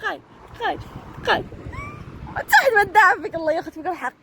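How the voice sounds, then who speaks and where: Young woman vlogger with a Moroccan Arabic accent, very high and bossy, giggling tease, faint hiss behind. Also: lively intonation, very fast, creaky, pushed and bright, roomy sound. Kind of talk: casual vlog banter.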